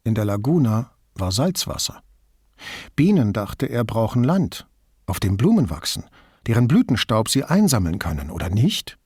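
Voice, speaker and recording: A man narrating an audiobook in a calm, measured, even reading voice. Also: lowish voice, husky, no room sound, studio quality. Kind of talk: scripted narration.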